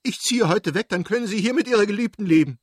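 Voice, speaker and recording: A man voicing a bitter, furious betrayed noblewoman in a shrill, raised voice. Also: lively intonation, moderate pace, a little mellow, husky, no room sound, studio quality. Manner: shrill, screaming outbursts.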